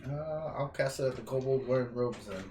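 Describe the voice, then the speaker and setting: A player in a tabletop game, speaking in a low-key, playful way. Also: brisk, mellow. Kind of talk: casual tabletop play. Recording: echoey room with noise.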